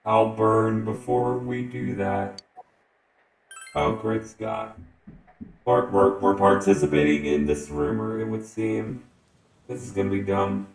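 A man delivering comedic fan-film dialogue in a dry, deadpan way, stammering now and then. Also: fairly low pitch, slow pace, long pauses. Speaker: channel host and lead player. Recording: roomy with loud music behind.

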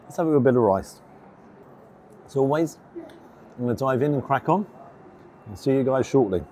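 A middle-aged man speaks in a casual, matter-of-fact vlogging style. His voice sits at an ordinary male pitch. He is recorded from across a table in a big, busy station concourse, with clear ambient noise around him. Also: animated, normal speed, mellow. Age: 50s. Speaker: food reviewer vlogger. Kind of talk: casual vlog talk to camera. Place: large open train station concourse restaurant. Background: station ambience, background announcements.

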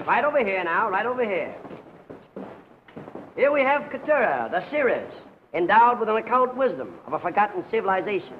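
An actor playing a brash American sideshow barker in a 1930s film, declaiming a repetitive showman's pitch to draw customers. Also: phone-quality sound, exaggerated voice. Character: brash carnival sideshow barker hawking attractions to the crowd. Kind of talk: 1930s film acting, sing-song barker patter. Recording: thin, hissy 1930s film soundtrack.

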